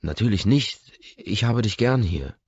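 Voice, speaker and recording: A man's voice: on the low side, animated, measured pace, breathy edge, no room sound, dull audio, pitched above the performer's own voice. A man voicing an intense, controlling rich young man, with a pressing, urgent way of talking in an audiobook reading. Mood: firm.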